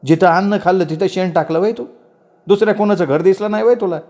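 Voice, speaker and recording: A man's voice: high voice, quick pace, mellow, voice pushed up, natural voice. A man voicing a middle-aged village aunt who scolds harshly in rustic dialect. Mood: furious scolding.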